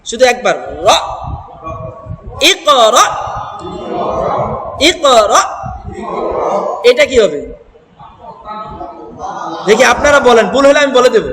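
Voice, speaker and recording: A man teaching Quran reading in a classroom, breaking words into syllables, quizzing his students and chanting verses slowly. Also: very high voice, animated. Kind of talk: classroom Quran recitation lesson. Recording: echoey hall with crowd.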